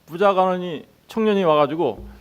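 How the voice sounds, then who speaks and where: A man's voice: sits high, moderate pace, clear, resonant tone, dull audio. A male pastor preaching a sermon who keeps asking his congregation rhetorical questions. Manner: acts out the workers' lines in quoted voices.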